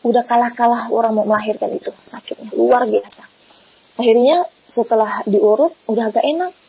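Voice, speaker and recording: A woman giving a personal faith testimony, telling her story in an animated way and acting out the quoted voices. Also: a little high, brisk, gravelly, a little hiss or hum. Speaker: testimony speaker. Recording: muffled lo-fi recording.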